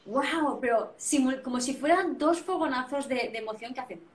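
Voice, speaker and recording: Woman, guest therapist, animated, repeats phrases, echoey room. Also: sits high, a little fast. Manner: animated, repetitive phrasing, frequent tag questions. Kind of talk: reflective conversational explanation. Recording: roomy sound, distant from mic.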